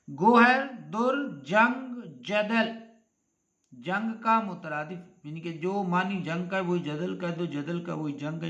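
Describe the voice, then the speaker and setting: A man with an Urdu accent teaching a vocabulary lesson, going through the words slowly and deliberately and repeating each pair. His voice sits high and comes across bright and a little tense. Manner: slow, deliberate, repeats each word and its meaning. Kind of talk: classroom lesson on synonyms.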